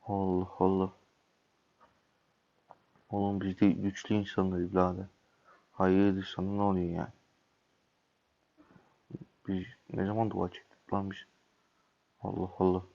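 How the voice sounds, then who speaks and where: A man with a sore throat and cough giving excitable, casual gameplay commentary, swearing at other players and calling them over. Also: deep voice, measured pace, gravelly, long pauses, lo-fi sound. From Turkey. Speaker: gaming YouTuber.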